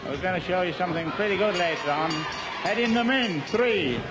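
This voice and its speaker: This man's high voice is animated and fairly quick as he delivers jokey, cheeky commentary in a Yorkshire accent at an outdoor game show. He banters and chuckles in a park setting full of crowd and background noise.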